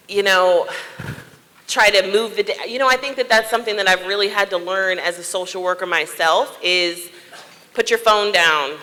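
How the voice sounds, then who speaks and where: A man speaking as a social worker on a panel, casual and hesitant with many fillers. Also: high voice. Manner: warm, hesitant, filler-heavy. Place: conference hall. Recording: reverberant conference hall.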